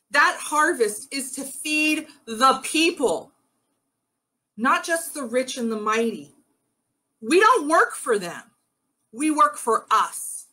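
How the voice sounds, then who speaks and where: A woman's voice: fairly high pitch, bright, forceful tone, poor audio. A woman telling a myth as part of a pagan ritual, earnest and rallying at the close. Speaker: ritual storyteller.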